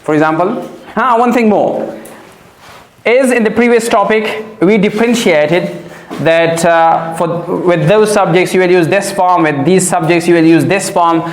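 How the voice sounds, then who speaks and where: In a classroom full of echo, an English teacher takes his pupils through grammar, going over key phrases again and checking they keep up. His voice sits high and he speaks unhurriedly.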